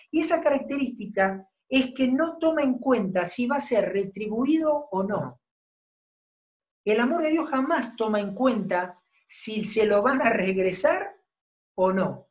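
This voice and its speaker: Woman, Bible teacher, teaching sermon, explanatory, checks in with listeners. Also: mid-range voice.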